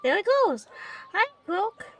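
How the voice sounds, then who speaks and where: A woman's voice: very high-pitched, animated, a little slow, fairly bright tone. A woman game streamer giving casual, reactive live commentary full of exclamations.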